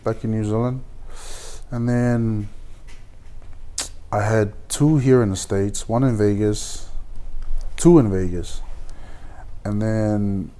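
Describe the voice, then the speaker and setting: A young man from Samoa with a low voice talks casually about his career as a pro boxer. He speaks haltingly, stopping and restarting often and reaching for his words. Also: steady tone, mellow. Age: 20s. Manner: halting, many fillers and restarts. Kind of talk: casual interview.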